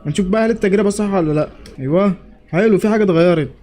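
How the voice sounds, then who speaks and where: A gamer with an Egyptian Arabic accent races through jokey let's play commentary, retorting to the characters on screen. The young man's voice sits high and sounds mellow, with slight background noise.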